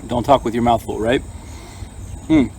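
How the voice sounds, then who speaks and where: The host of a gardening vlog talks at a measured pace in a medium-pitched, dark voice with fairly even intonation, over a little hiss or hum. Casual and plain-spoken, he explains each step while demonstrating and tasting his harvest.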